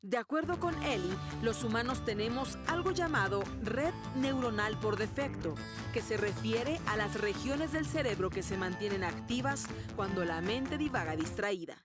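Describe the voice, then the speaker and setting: A woman narrating a news report in a formal, even read-aloud delivery. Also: fairly high pitch, brisk. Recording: voice-over over loud music bed.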